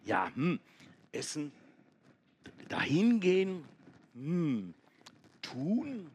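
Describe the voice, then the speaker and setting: A man voicing a stubborn young female goat who insists she is a lion, loud and insistent. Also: on the high side, wildly swooping pitch, extremely slow, breathy edge, pitched above the performer's own voice, full character voice.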